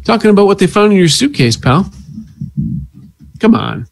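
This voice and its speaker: A man with a gravelly voice plays a tabletop game, pressing another character with pushy questions. He stumbles into restarts as he thinks aloud. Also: high-pitched, sing-song, no room sound. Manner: pushy interrogator tone, halting restarts. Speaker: player. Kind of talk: tabletop role-play, speaking in character.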